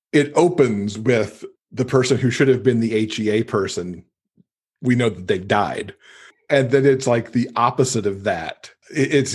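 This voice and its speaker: A man with a mid-range, darkish voice and a breathy edge is a guest in a podcast interview, talking casually and chatting enthusiastically about books. He is a podcast host and author himself.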